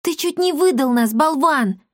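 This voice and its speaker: A woman's voice: high-pitched, normal speed, no room sound, studio quality, voice pushed up, natural voice. A woman voicing a stern, exasperated girl in a storybook reading. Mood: scolding. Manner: scolding, exasperated.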